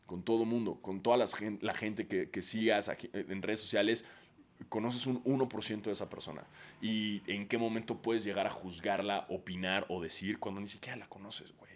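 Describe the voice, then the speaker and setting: A man's voice: lowish voice, fairly even intonation, moderate pace. A man with a Mexican accent talking casually and profanely on his podcast, ranting and putting on mocking voices. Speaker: podcast host.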